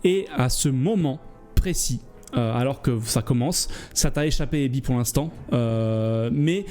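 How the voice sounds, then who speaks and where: A man's voice: medium pitch, a little slow, a little mellow, soft background music. A man as game master, casually explaining and narrating a tabletop role-playing game in a hesitant, explanatory way.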